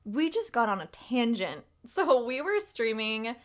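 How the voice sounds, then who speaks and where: A young woman hosting a casual livestream, chatting in a rambling way and laughing often, her voice a little tired and rough. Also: fairly high pitch, big pitch swings, measured pace. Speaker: livestream host and tarot reader.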